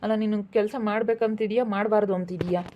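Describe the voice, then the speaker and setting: Casting: quick-talking scolding woman, dull lo-fi sound. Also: mid-range voice, steady tone, mellow. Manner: scolding, nagging. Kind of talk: home-made village drama acting.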